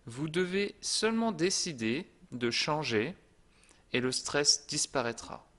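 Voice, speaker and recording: A man teaching a French lesson. His delivery is very slow and unhurried, with each phrase set apart, and his voice sits at an ordinary middle pitch. He reads from a script in a calm, reassuring way.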